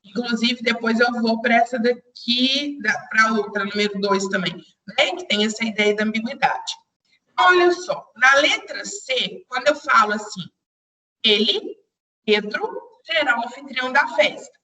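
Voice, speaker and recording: Bright high-voiced woman teacher. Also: normal speed, far from the mic, rough recording. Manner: explains step by step, addresses students directly. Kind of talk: online grammar lesson.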